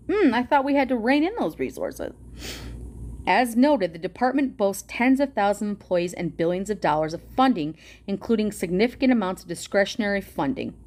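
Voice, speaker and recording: A woman hosts a livestream, excitedly chatting with viewers and reading a policy document aloud. She speaks loudly at a medium pitch, in a casual manner peppered with swearing.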